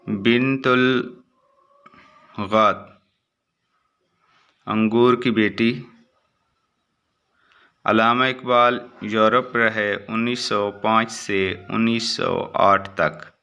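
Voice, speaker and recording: A man reading short exam answers aloud as a teacher, in a steady recitation with brief asides. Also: lowish voice, smooth.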